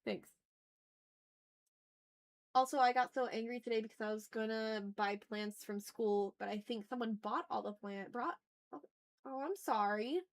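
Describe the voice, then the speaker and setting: Drawing on stream, this woman talks casually and candidly, thinking aloud and cursing freely. Her voice is a little high and a little slow, with long pauses.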